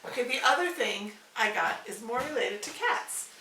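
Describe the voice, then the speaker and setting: A woman's voice: a little high, animated, normal speed, bright, forceful tone, a little hiss or hum. A woman in her fifties chatting in a casual home vlog, gushing and playful as she shows off her collectibles. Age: 50s. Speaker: vlog host showing collectibles. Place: home room. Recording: echoey room, mic at a distance.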